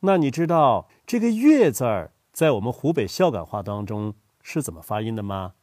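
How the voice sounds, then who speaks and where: A man's voice: mid-range voice, moderate pace, no room sound, studio quality. An older man from Hubei playing a grandfather, explaining dialects in a scripted educational dialogue and chuckling as he goes. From Hubei, China. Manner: animated storytelling, chuckles often.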